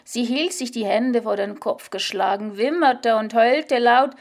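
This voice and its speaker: Slow, measured woman reading a story. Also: on the high side.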